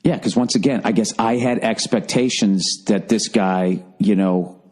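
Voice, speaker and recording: A middle-aged American host does a solo podcast monologue, ranting comically with profanity and exasperation. He speaks a little slowly, in a lowish, darkish voice with a breathy edge.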